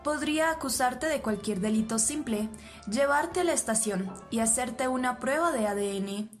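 A woman reading the lines of a cold, threatening male police officer in a flat voice. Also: sits high, moderate pace, faint music behind.

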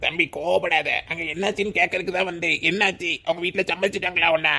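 A man's voice: high voice, steady tone, quick pace, gravelly, pushed and bright, exaggerated voice. Man voicing a coaxing scheming older suitor. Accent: Kanyakumari Tamil. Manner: coaxing, wheedling. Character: scheming older brother type, persuasive suitor. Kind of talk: cartoon voice acting.

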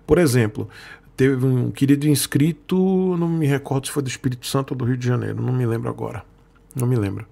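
A man's voice: medium pitch, steady tone, fast talker, gravelly, mellow, slightly rough. A Brazilian man, a sponsored motorcycle creator, talking casually and at length to his viewers, repeating himself and circling back. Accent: Brazilian Portuguese. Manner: rambling, repeats himself, speaks to viewers as "gente".

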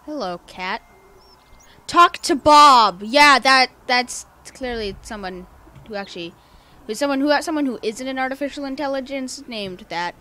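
Rambling higher-voiced woman gamer. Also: moderate pace, sharp tone. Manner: rambling, talks to herself, repeats questions. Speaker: gamer playing on video. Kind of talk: let's-play commentary. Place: home room. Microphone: cheap home microphone.

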